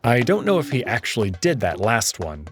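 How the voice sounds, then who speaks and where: Background music accompanies a man hosting and reading a visual novel playthrough, delivering the scripted narration like a dramatic storyteller. His mid-range voice swoops wildly in pitch, and he keeps a moderate pace.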